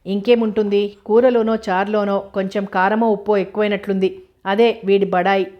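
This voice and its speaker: A woman's voice: medium pitch, fairly even intonation, normal speed, highs cut off, lightly acted. A woman reading the lines of a teasing, wry young woman in a storybook.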